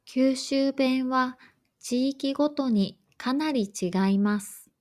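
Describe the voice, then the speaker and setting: A woman reading a scripted lesson for learners in a slow, careful, even way. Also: high voice. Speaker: language teacher.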